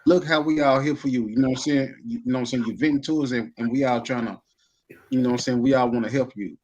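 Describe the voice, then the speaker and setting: A man's voice: medium pitch, steady tone, fast, darkish tone, a little hiss or hum. A man in a casual group stream keeps circling back to his point with the same filler phrases. His voice sounds dull and muffled, like call audio. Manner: repetitive, leans on filler phrases. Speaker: stream participant. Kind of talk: casual chat.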